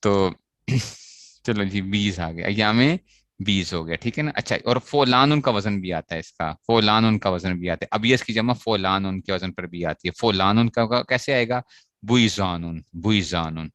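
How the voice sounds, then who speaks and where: Teaching Arabic grammar in class, a man asks questions only to answer them himself, going over the main points again. He talks at normal speed in a fairly low, fairly bright voice, without echo.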